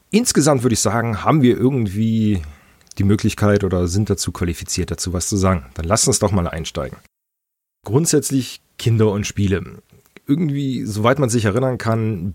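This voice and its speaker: A man hosts a podcast in a casual, chatty way. His voice is on the low side and slightly stuffed up with a snotty nose, recorded close and dry. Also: mellow, no room sound. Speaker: podcast host.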